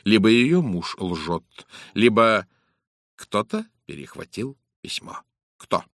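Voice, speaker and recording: A man's voice: on the low side, sing-song, slow pace, vocal fry, a bit bright, no echo, clean studio sound, exaggerated voice. A man voicing a fussy older male detective who lectures suspects in a precise, theatrical manner. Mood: lecturing. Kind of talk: audiobook character reading.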